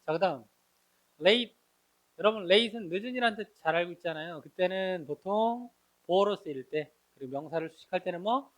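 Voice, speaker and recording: A man's voice: high voice, lively intonation, rough recording. A man teaching an English grammar lesson, explaining each example and answering his own questions. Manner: explanatory, asks students questions and answers them himself; reads English example sentences slowly and carefully. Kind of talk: grammar lecture.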